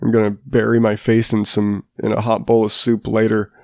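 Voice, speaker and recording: A man in his thirties talks alone on his podcast while suffering a sinus infection, wandering off track, mocking himself and restarting repeatedly. His lowish voice is monotone, creaky and darkish at a normal speed, captured in clean studio sound with no echo.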